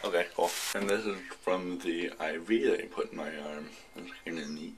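A man's voice: low voice, normal speed. A man in his twenties chatting casually on a vlog, his mouth numb from the dentist and his words slurred and mumbled. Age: 20s. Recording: noisy handheld camera, car and room.

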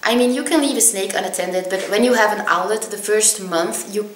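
A young woman chats straight into her webcam in a small room, with lots of ums and little self-mocking laughs. Her voice sits at a middle pitch. The room around her adds a noticeable echo. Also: brisk. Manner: chatty, many ums, laughs at herself. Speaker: vlogger. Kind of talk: casual storytelling to camera. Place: small indoor room with plain wall. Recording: echoey room.

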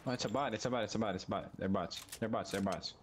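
A man's voice: fairly low pitch, fast, noisy background. A man chatting casually while playing an online game with friends, joking and swearing a lot. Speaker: gamer. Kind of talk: casual gaming banter.

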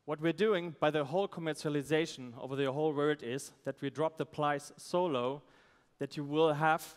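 A man, a startup founder giving a halting, pitch on a conference stage. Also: clean tone. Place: stage in a large event hall. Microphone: headset. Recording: amplified voice in large reverberant hall.

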